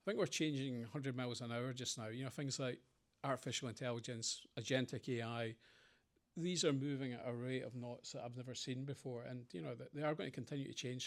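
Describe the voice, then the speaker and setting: A man's voice: mid-range voice, gravelly. A middle-aged Scottish man speaking on a panel, telling rambling stories and acting out the people in them. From Scotland. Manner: rambling anecdotes with quoted voices. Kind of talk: conversational Q&A storytelling.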